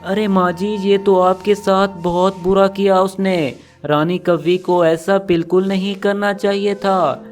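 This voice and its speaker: A gentle, polite little sparrow woman from a storybook cartoon, kind and welcoming, as a man puts her on. Her voice is pitched fairly high. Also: little pitch movement, a little slow, few pauses, faint music behind. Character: kind poor female sparrow.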